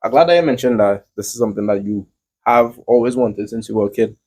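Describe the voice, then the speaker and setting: Male podcast host: low, husky, warm voice, teasing questions. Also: fast. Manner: joking, playful interviewer. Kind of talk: casual interview chat.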